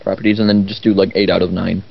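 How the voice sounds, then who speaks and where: A man's voice: sits low, level tone, fast, gravelly. A man taking part in a tabletop role-playing game, talking casually through his moves and advice. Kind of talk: casual chat. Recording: dull lo-fi voice-chat audio.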